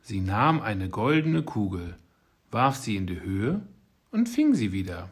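A man narrating a fairy tale in a lively, expressive way. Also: fairly low pitch, a little slow.

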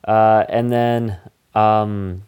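A man's voice: on the low side, fairly even intonation, very slow, a little mellow, clean tone. A man hosting a casual movie review podcast, recapping the plot in a goofy, rambling way. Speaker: podcast host.

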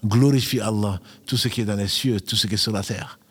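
A man giving an earnest religious lesson, reciting verses slowly and lifting his voice on key words. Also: fairly low pitch, fairly even intonation, breathy edge, big-room sound. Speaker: Islamic teacher.

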